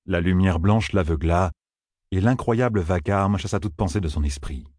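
A man reading a fantasy novel aloud as narrator, in steady, expressive storytelling. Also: deep voice, normal speed, no echo, clean studio sound. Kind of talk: audiobook reading.

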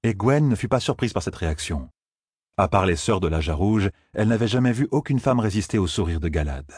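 Very deep, husky male narrator, measured audiobook reading, dry close sound. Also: expressive, a little mellow, no echo.

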